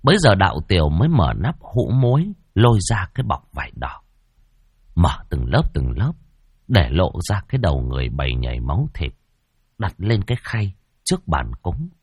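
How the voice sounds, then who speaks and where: Husky-voiced male ghost story narrator. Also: low voice, moderate pace, dry recording, clean studio sound. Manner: dramatic, expressive storytelling.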